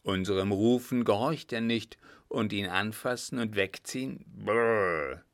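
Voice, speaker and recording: A man's voice: fairly low pitch, moderate pace, lightly acted. A man voicing a cautious, nervous soldier who talks in an anxious, pleading way.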